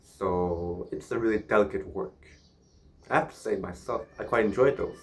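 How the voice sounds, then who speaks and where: A vlogger from Myanmar speaks in a somewhat low-pitched, darkish voice. He talks casually as in a solo vlog, musing and pausing while he searches for words.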